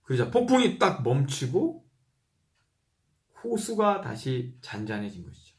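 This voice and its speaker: A man reading a Bible passage aloud and explaining it in a casual way, animated, asking many questions as he thinks aloud. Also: medium pitch, measured pace. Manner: acts out quoted lines in a livelier voice. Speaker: Bible reader and commentator.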